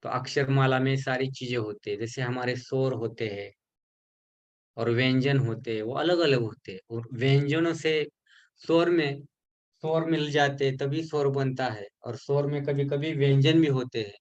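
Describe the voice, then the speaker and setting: A man giving a recorded lesson for a healing course, explaining slowly and repeating syllables to show how they are spoken. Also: mid-range voice, fairly even intonation, highs cut off. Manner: mixes English terms into his explanations.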